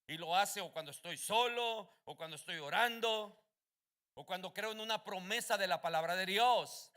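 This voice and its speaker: A male pastor preaching a fervent sermon, moving between calm storytelling and loud shouted calls to his congregation. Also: sits high, normal speed, clear, resonant tone.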